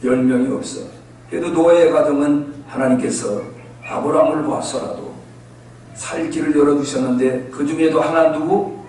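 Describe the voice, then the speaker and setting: A male pastor preaching a sermon, telling stories in a lively way and acting out the voices of the people in them. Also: on the high side, normal speed, a little hiss or hum. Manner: animated storytelling, acting out quoted voices. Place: church sanctuary. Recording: echoey church hall from far off.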